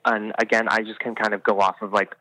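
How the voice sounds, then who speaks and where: Guy hairstylist on a podcast, gushy and chatty, lowish voice, super dry close sound. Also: little pitch movement, quick pace, pushed and bright, dry recording, low-quality recording. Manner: chatty, enthusiastic, many fillers like "I mean" and "you know". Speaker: celebrity hairstylist guest. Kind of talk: casual podcast interview chat.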